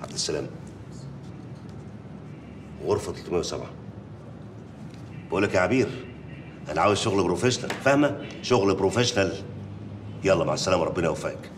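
An actor playing a hurried Egyptian newspaper editor who barks orders and brushes off worries in a TV drama. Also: male voice, deep voice, lively intonation, noisy background. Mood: brisk. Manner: brisk, bossy, gives orders. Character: hurried male newspaper boss, commanding. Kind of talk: TV drama acting.

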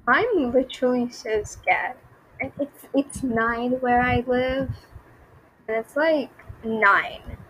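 A woman's voice: on the high side, slow, fairly bright tone, slightly rough, rough recording. A young woman giving nervous game commentary, repeating herself and reacting to jump scares. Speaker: gaming YouTuber.

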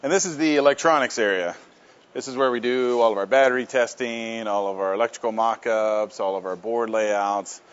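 A man's voice: fairly low pitch, normal speed, clean tone, dull audio. A man leading a casual walking tour of a workshop, friendly and plain-spoken with frequent fillers. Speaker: company tour guide. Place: workshop and offices, indoors.

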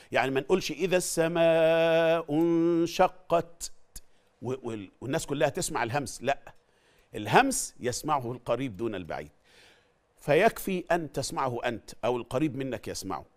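A middle-aged man with an Egyptian Arabic accent, teaching Quran recitation, explaining in an animated way and repeating phrases to drill how they are said. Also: medium pitch. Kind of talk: Quran recitation lesson with chanted verses.

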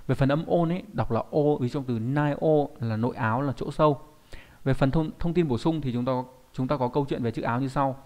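A man teaching an online kanji lesson. He talks in a chatty way, keeps asking rhetorical questions, and says Japanese words slowly and carefully. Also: medium pitch, a little mellow.

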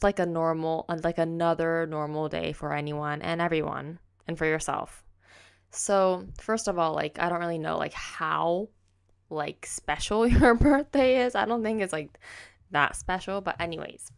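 A young woman with a fairly low, gravelly but smooth voice talks at a moderate pace on her casual solo podcast. Raised in the United States, she records indoors at home, kitchen behind her, close to a silver desk condenser mic. She's rambling and chatty, leaning heavily on "like" and correcting herself.

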